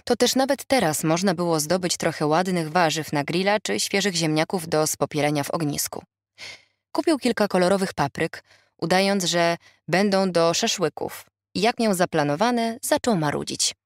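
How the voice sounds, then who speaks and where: A woman with a fairly low voice reads a humorous novel aloud in a wry, measured way. She is recorded close to the mic in a dry studio. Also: expressive, dry recording. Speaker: audiobook narrator. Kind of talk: scripted narration.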